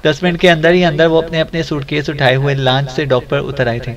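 A man narrating an adventure novel as an audiobook, in a steady, even storytelling voice. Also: on the high side, brisk, highs cut off.

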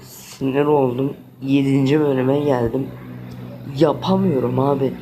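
A man's voice: medium pitch, fairly even intonation, unhurried, dark tone, a little hiss or hum. A man playing a video game and commenting as he goes, exasperated, talking both to the game and to his viewers. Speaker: gaming channel host. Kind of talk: let's play commentary.

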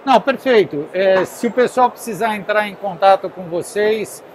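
Host masculino, 40 e poucos, voz alta, perguntas rápidas em feira náutica. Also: male voice, sits high, noisy background. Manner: curious, conversational, quick follow-up questions. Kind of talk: casual interview at a trade show. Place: indoor boat show stand. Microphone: handheld recorder.

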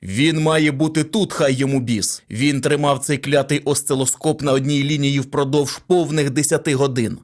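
A man voicing a loud, excitable male surgeon who exclaims boisterously. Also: medium pitch, normal speed, hardly any pauses, pitched above the performer's own voice, close to an everyday voice. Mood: impatient.

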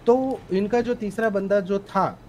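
A man's voice: high voice, a little slow, a little mellow, slight background noise, rough recording. A man playing a police officer in a role-play court hearing, testifying politely but insistently and mixing English phrases into his Hindi, over a headset.

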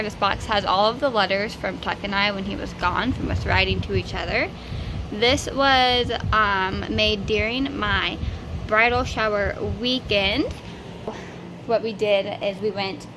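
There's noisy background behind this mid-range female voice. A twenty-something vlogger chats casually as she tours her small apartment, holding her phone camera and filling her talk with fillers.

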